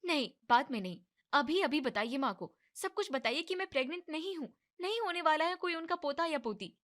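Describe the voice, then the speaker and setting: A woman's voice: animated, fairly bright tone. A woman voicing an irritable young daughter-in-law in a cartoon family drama, complaining and pushing back. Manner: high, complaining and quick.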